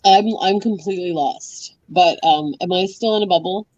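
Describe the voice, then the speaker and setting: A woman's voice: on the low side, moderate pace, a little mellow, no echo. Woman on a stream call, sounds like she's in a tunnel, muffled lo-fi line, dry. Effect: muffled tunnel-like sound over a glitchy call line. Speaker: stream chat guest. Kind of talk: casual group chat on a live stream call. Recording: dull lo-fi call audio, dry.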